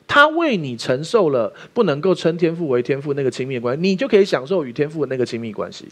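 A man's voice: a little high, big pitch swings, quick pace, fairly bright tone. A man preaching a sermon as pastor, emphatic and often asking the listeners questions.

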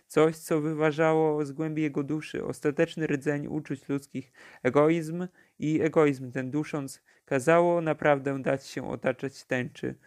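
A man narrating a classic novella for an audiobook, in a steady, measured reading. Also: on the high side. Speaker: audiobook reader.

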